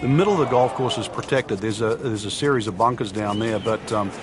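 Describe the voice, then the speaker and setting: A man working as a golf commentator, giving explanatory, measured analysis of the course and the shots. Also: fairly low pitch. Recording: outdoor crowd and ambient noise behind. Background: crowd and outdoor ambience.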